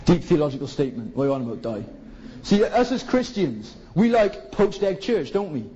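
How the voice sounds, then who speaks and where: Welsh Valleys man preaching, high-pitched and husky. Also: big pitch swings, fairly quick, warm tone, highs cut off. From South Wales valleys. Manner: colloquial, rhetorical questions to listeners. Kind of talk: sermon.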